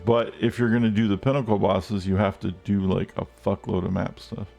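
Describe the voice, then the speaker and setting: Brief: loose, profane male streamer, lowish voice, faint game music under him. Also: a little fast, creaky. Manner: rambling, loose, profane, with excited outbursts. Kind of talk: casual live-stream chat.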